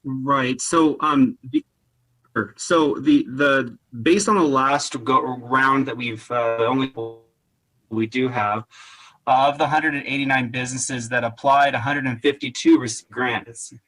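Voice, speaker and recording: A city staff member answering council questions over a video call whose audio keeps cutting out and freezing, speaking haltingly with many restarts and fillers. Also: male voice, medium pitch, fairly even intonation, a bit bright, poor audio. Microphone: laptop on a video call.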